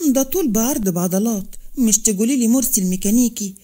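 A woman's voice: on the high side, fast, mellow, lightly acted. A woman doing a scolding, dramatic Egyptian matron.

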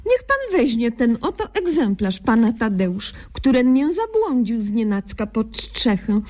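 A woman voices a naive, earnest young doctor in a radio comedy sketch, deadpan as she mangles official jargon in quaint ways. Her voice runs on the high side, unhurried, with an officiously caring mood.

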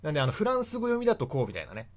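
Man in his young adult years, relaxed and talkative as a history explainer, lively up-and-down delivery. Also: a little high, racing. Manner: chatty, laughs often between points. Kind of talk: casual history lecture.

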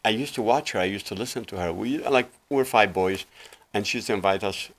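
Appearing as a guest life coach in a small TV studio, a man from Lebanon in his sixties speaks briskly in a very deep, gravelly voice. He shares his story in an earnest, loose, casual interview style, full of fillers.

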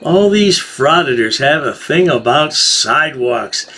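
A middle-aged man hosts a scornful commentary voice-over, sneering at what he shows. His voice sits a little high and swings widely up and down as he talks. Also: expressive, unhurried. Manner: sarcastic, scornful. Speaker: commentary host.

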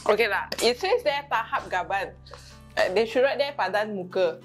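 A woman's voice: fairly high pitch, lively intonation, normal speed. A woman with a Malaysian English accent co-hosting a casual food-tasting video, playful and stubborn, laughing easily. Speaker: food review co-host. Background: faint background music.

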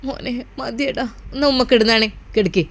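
A woman voicing a frightened elderly mother who speaks softly and pleadingly. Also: a little high, moderate pace, gravelly. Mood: worried, tearful. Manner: soft, pleading, tearful.

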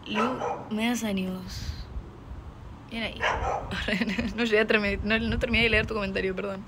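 A woman's voice: medium pitch, steady tone, moderate pace. Young woman, Rioplatense accent, casual playful streamer, noisy mic with a dog barking behind. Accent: Rioplatense Spanish. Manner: chatty, playful, talks to her dog and chat. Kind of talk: casual live-stream chat. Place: home. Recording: noisy home stream audio.

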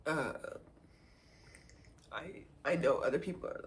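A vlogger talking to the camera while fighting back tears, speaking haltingly with many pauses and fillers, and sometimes dropping into a whisper. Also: medium pitch, animated, slight background noise. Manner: drops into soft whispers at times. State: tearful, holding back crying. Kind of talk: personal vlog, talking to camera.

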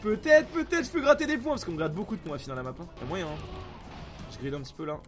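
A man streaming live gameplay, commenting excitably, often swearing and yelling at the game. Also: high-pitched, very fast, music in the background.

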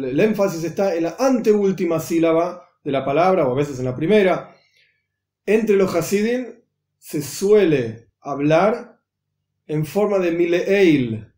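Guy teaching hebrew reading, slow and patient, mellow tone, roomy echo. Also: high-pitched. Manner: patient, methodical, spells out rules and examples slowly. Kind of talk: explanatory lesson voice-over.

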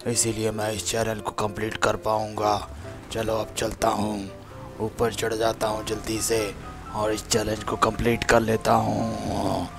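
A man's voice: fairly low pitch, monotone, measured pace, gravelly, over music. A man voicing a boastful male tree creature, talking to himself in a game voiceover. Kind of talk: game voiceover role-play.

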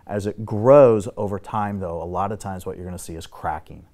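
A middle-aged man with a fairly low voice walks through building repair, point by point, in a steady, technical tone. He talks as a guest on a studio talk show set. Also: moderate pace. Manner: steady, technical, instructive explaining. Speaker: exterior building expert guest. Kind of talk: explanatory talk show conversation.

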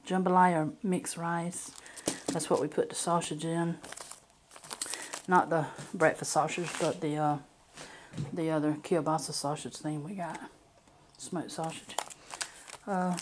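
A chatty woman with a low voice narrates a casual grocery haul at a kitchen or dining table indoors. The home recording is noisy, with crinkling packages, clicks and background noise.

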